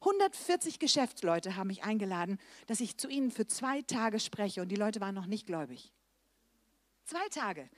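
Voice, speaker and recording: A middle-aged woman evangelist preaching a lively sermon, swinging between loud emphasis and soft, low asides. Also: moderate pace, no echo.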